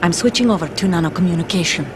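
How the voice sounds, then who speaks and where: A woman's voice: lowish voice, rapid-fire, background noise, close to an everyday voice. An actress playing a guarded, stoic female soldier in a video game drama, speaking in a terse, serious, controlled manner. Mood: guarded, urgent. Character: guarded female soldier, stoic mother forced into covert service. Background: music.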